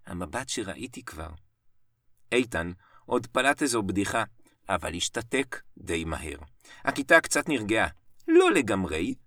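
A man narrating a first-person story in short phrases with dramatic pauses. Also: lowish voice, no echo. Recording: dry voice set back from the mic, soft music bed. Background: soft piano music.

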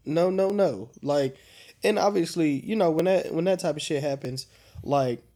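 A man co-hosting a casual podcast chat. He is congested, and he tells stories in an animated, profane way. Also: a little high, normal speed. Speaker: podcast co-host.

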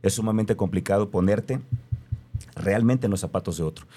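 A man's voice: lowish voice, moderate pace, dark tone. A man with a Mexican accent speaking earnestly in a reflective conversation, stressing his points by repeating them.

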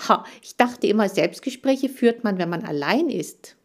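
A woman's voice: mid-range voice, animated, normal speed, a little mellow. A woman voicing a naive, curious little male hamster, full of wide-eyed questions. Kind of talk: audiobook character voice.

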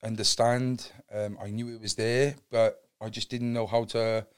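Speaking with a fairly low, smooth voice and flat delivery at normal speed, this man in his thirties shares his life story on a podcast. He's from Cardiff, has the Welsh accent to match, and talks openly, earnestly, and at rambling length.

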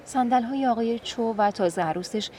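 A woman calmly narrating a story in an even reading voice. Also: on the high side, a little hiss or hum.

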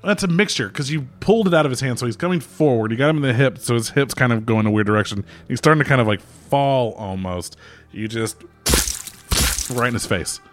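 A man's voice: mid-range voice, expressive, a little fast. Laid-back male game master, loose and profane, light music bed. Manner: loose, laughing, swears freely. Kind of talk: narrating a tabletop game.

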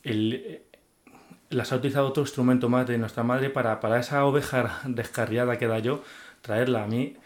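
Earnestly recounting his faith journey in an interview, a man speaks with heartfelt emotion, frequently restarting and repeating words. His voice is medium-pitched, fairly even in intonation, and fairly quick.

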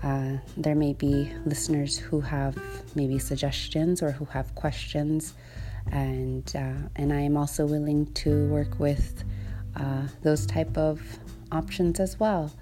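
Low-voiced Inuit woman, halting podcast talk. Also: flat delivery, dark tone, faint music behind. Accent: Inuit (Nunavut). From Iqaluit, Nunavut, Canada. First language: Inuktitut. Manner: hesitant, halting, thinking aloud. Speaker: podcast host. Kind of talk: informal solo podcast introduction.

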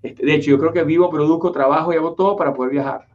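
A man's voice: fairly high pitch, steady tone, very fast. A man hosting a casual interview, rambling with lots of restarts and fillers. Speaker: interview host. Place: home office in Florida. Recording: dull lo-fi audio.

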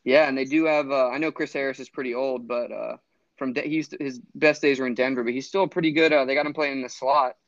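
A man's voice: mid-range voice, steady tone, fast talker, fairly bright tone, no echo. Guy rambling about football picks, lots of um and uh, muffled dry mic. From Florida. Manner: rambling, lots of fillers and restarts. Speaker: podcast co-host. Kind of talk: casual sports chat.

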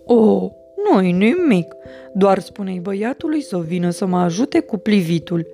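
A woman's voice: medium pitch, expressive, gravelly, mellow, soft background music. A woman reading as a hungry male wolf. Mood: kind. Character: hungry gardening wolf, male, gruff then kind.

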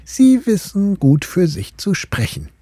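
A man voicing a haughty, coy little ball, a proud lady, in a fairy-tale reading, prim and partly breathy. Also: sits high, huge pitch swings, unhurried, warm tone, no echo, clean studio sound, pitched above the performer's own voice, heavily acted.

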